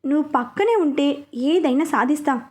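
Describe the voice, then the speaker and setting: A woman's voice: sits high, normal speed, darkish tone, natural voice. A woman voicing a young husband, a mafia man in love, who asks anxious questions in playful banter with his wife.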